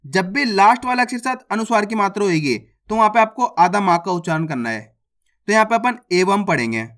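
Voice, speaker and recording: A reading teacher who sounds out words syllable by syllable, then says each whole, and checks with viewers that it is clear. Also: mid-range voice, expressive, a little fast, a bit bright. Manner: addresses viewers as friends, asks if it is clear. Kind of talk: slow word-by-word reading lesson.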